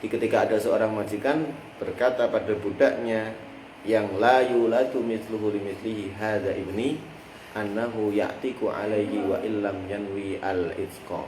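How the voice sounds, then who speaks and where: In an echoey space with faint background noise, a man with a Javanese accent teaches from a classical Islamic text. His lowish voice keeps a fairly even intonation at normal speed. He uses everyday examples and invites listeners to complete his sentences.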